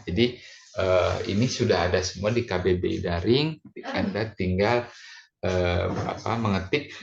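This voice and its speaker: A male lecturer with a deep, low voice talks through a classroom lesson in a loose, rambling way, leaning on fillers and tag questions. The recording is dull and lo-fi.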